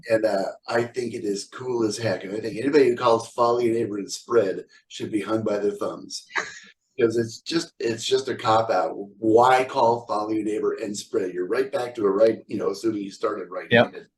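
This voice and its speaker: A man's voice: on the low side, steady tone, moderate pace, recorded from a distance, poor audio. A middle-aged man, a square dance caller, chatting in an interview in a blunt, joking, opinionated way. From California. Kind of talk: casual interview chat.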